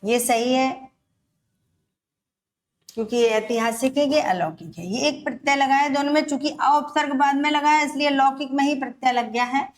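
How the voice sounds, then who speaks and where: A woman teaching Hindi grammar for an exam, explaining step by step and repeating words slowly. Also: high-pitched. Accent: Rajasthani Hindi. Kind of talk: exam-prep grammar lesson.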